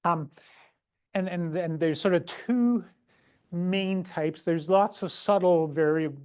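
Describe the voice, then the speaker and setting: Chatty woman lecturer, low voice. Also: slow, a little mellow, clear, resonant tone. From Canada. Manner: chatty, keeps asking "right?", acts out patients' words. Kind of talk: informal lecture.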